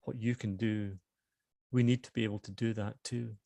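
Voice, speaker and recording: A man reads as an anxious young woman who speaks with a Scottish accent. She is earnest and hushed, as if sharing a dangerous secret. The voice is low and gravelly, recorded dry and close. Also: fairly even intonation, normal speed, dry recording. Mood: urgent, uneasy. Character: anxious young woman, guild leader's niece.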